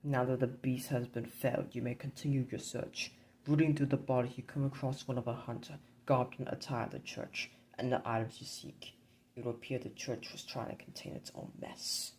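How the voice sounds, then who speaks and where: A man narrating a dark board game campaign in a measured, grim storybook reading. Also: mid-range voice, flat delivery, a little hiss or hum, poor audio.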